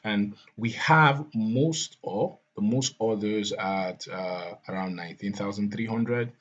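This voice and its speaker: A man talking through market charts, repeating words often and filling pauses with "uh". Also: fairly low pitch, fairly bright tone, dull audio. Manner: repeats words, many fillers and restarts. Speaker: crypto market analyst. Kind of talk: chart analysis talk.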